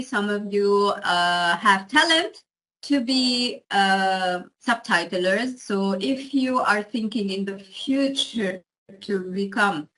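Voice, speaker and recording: Over a rough recording, a woman lectures students in a slightly high voice with a sharp tone. She explains the material and keeps checking in with the people listening.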